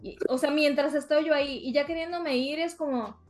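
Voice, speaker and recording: A woman's voice: high-pitched, a little fast, soft background music. A woman from Mexico co-hosting a casual podcast chat, telling a story animatedly and acting out what people said. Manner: animated storytelling, acts out quotes. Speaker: podcast co-host.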